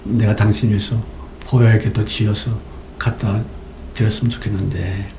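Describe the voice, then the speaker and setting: A man doing a soft, coaxing wife. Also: on the low side, flat delivery, moderate pace, roomy sound, a little hiss or hum, voice pushed down, natural voice. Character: gentle, coaxing middle-aged wife.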